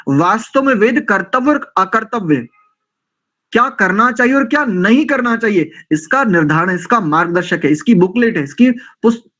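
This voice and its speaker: High-voiced man lecturing on scripture, lo-fi. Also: a bit bright. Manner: rhetorical, questioning, acts out quoted excuses. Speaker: scripture teacher. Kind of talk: Hindi religious lecture.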